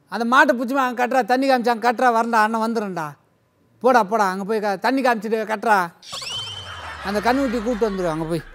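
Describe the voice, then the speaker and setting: A man playing a loud rustic village elder brother who shouts orders and calls out to others. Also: very high-pitched, a little hiss or hum, pitched above the performer's own voice.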